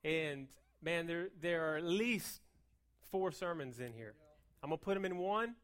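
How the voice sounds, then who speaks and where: Fast and emphatic, an American woman gives an informal sermon in a conversational manner, repeating words and asking rhetorical questions. She speaks at a fairly low pitch and sounds animated.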